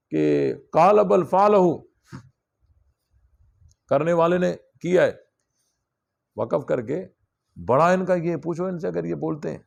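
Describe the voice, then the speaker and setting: Gravelly-voiced male religious teacher. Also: fairly high pitch, a little mellow. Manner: explains step by step, asks students questions. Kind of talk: classroom lesson on scripture.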